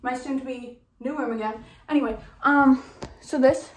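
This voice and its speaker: A woman's voice: sits high, steady tone, moderate pace, echoey room, a little hiss or hum. A young woman in her twenties chatting casually to her vlog camera, bubbly and full of filler words. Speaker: vlogger. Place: her mom's house, indoors. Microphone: handheld vlog camera.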